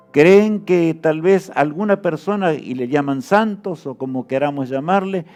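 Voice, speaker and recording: A man delivering a fervent sermon in a slightly high voice. He keeps turning to his listeners with rhetorical questions. Soft music plays faintly behind him. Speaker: preacher.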